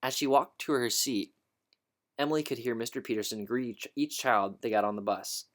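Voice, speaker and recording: Man, narrator, children's storybook, calm, clear, mid pitch. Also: normal speed.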